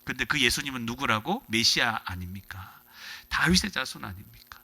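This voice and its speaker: A man preaching a sermon as pastor, lively and dramatic, acting out the people in his story and swinging between loud outbursts and hushed lines. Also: mid-range voice, normal speed, creaky, slightly rough.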